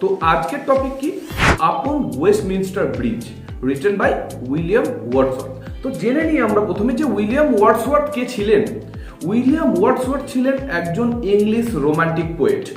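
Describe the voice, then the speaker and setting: A male teacher introduces his literature lesson in a high, lively voice that rises and falls a lot. The room adds a noticeable echo. Faint music plays behind him. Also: fast talker. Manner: introduces the topic in a lively, instructive way. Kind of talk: explanatory lesson. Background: faint background music.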